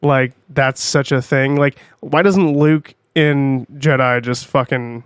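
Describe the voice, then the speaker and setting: A man co-hosting a podcast in casual chat, rambling and swearing often with animated asides. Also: mid-range voice, takes it slowly, clear, resonant tone, dry recording, clean studio sound. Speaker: podcast co-host.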